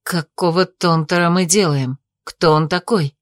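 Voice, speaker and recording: A woman's voice: lowish voice, fairly even intonation, measured pace, dry recording, clean studio sound, pitched below the performer's own voice, close to an everyday voice. A woman voicing a suspicious young female mage. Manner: indignant, demanding.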